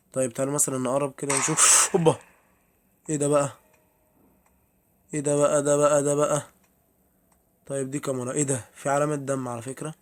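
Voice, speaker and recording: A young man with an Egyptian Arabic accent giving chatty commentary while playing a horror game and talking to his viewers. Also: medium pitch. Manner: chatty, addresses viewers, easily startled. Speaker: gameplay streamer.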